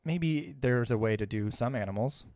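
A man's voice: medium pitch, moderate pace, a little mellow, no echo, clean studio sound. Laid-back man chatting on a podcast. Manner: laid-back, laughs often, swears casually. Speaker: podcast co-host. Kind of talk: casual podcast chat.

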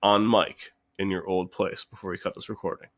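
A man's voice: low voice, flat delivery, fairly quick, a bit bright. A man co-hosting a casual book podcast, joking and rambling with frequent restarts. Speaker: podcast co-host.

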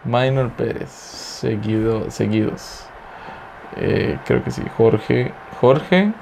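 A man's voice: mid-range voice, extremely slow, creaky, darkish tone, slight background noise. A Costa Rican man hosting a podcast in casual chat, laughing, teasing and swearing a lot. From Costa Rica. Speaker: podcast host.

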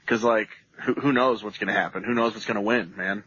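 A man's voice: on the low side, steady tone, brisk, fairly bright tone, a little hiss or hum. A man co-hosting a podcast in casual, enthusiastic, slangy chat. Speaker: podcast co-host. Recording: slightly dull, lo-fi sound.

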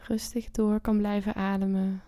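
A woman leading a guided relaxation meditation, speaking softly and soothingly with long pauses and drifting into whispers. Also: medium pitch, flat delivery, dry recording.

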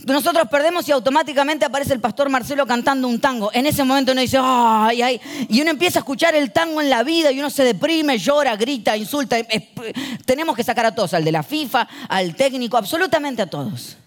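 High-voiced Argentine pastor, animated. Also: male voice, fast talker. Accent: Argentine Spanish. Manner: animated storyteller, acts out voices and asks the congregation to repeat phrases. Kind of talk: humorous sermon.

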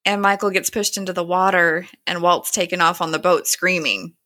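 A woman retells a TV episode in casual podcast chat, giggling and humming musical cues. Her voice sits lowish but bright. The sound is dry and close. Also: fairly even intonation, moderate pace, no room sound. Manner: storytelling, giggly, hums cues.

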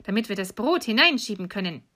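A woman voicing a wicked old witch who talks drawn-out and shrill, with mocking cackles. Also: big pitch swings, bright, forceful tone. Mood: scornful.

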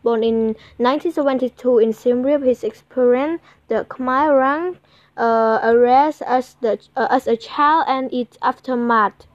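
A woman gives a prepared presentation about a school in a halting way, often stumbling over her words. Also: on the high side, no echo, muffled recording.

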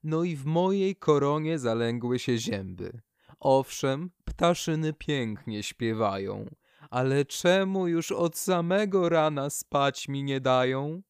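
A man voicing a chatty, practical old female birch tree in a storybook, high and exclaiming. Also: expressive, slow, smooth, no echo, clean studio sound. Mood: chatty complaining. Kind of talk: storybook character voice.

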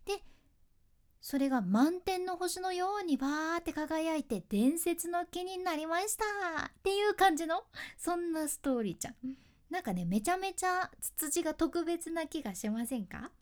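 A woman's voice: very high-pitched, lively intonation, moderate pace. Chatty woman with a lilt. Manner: chatty, laughs often, asks listeners questions. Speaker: freelance announcer and speaking coach. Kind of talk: casual solo chat.

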